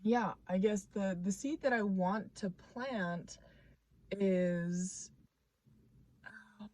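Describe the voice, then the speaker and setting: A woman in her twenties vlogs casually to the camera from home, her mid-range voice slow-paced and a little mellow. She rambles, restarts her thoughts with plenty of fillers, and stays playful and self-mocking.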